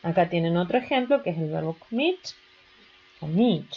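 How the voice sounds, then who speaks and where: A woman's voice: on the low side, lively intonation, dull audio, a little hiss or hum. A woman teaching an English grammar lesson, explaining rules step by step and checking in with students. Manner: slow, patient explaining with rising questions to students.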